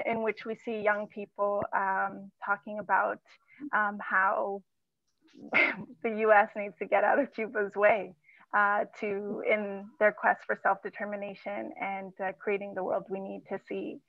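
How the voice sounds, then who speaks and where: A woman from Zimbabwe moderating an online conference, talking with many halting fillers over a video call. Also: medium pitch, creaky, no echo. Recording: tinny phone-like line.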